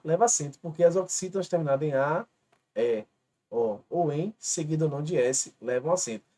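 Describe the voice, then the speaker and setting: Man, Brazilian Portuguese accent, fairly high voice, patient step-by-step explaining, online lesson. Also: a little mellow. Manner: patient, spells out rules step by step. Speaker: exam-prep teacher.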